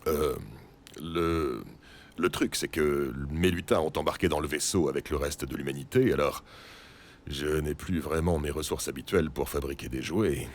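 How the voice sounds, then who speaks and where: A man's voice: a bass voice, normal speed. A man playing a jolly old bearded Santa Claus with a sinister streak, theatrical and grandly reassuring, in a French audio drama. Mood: awkwardly coaxing. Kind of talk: scripted French audio fiction acting.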